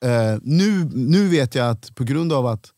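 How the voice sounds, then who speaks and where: A man's voice: medium pitch, dry recording. A man, a stand-up comedian, telling stories in a casual podcast chat, acting out the people he quotes. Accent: Swedish. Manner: animated storyteller, acts out quoted voices.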